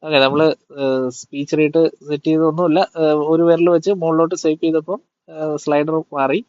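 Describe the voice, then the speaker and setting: A man giving a casual tech tutorial and explaining phone settings, pausing often with fillers. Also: fairly high pitch, level tone, darkish tone, dry recording, highs cut off. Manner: hesitant, with many fillers.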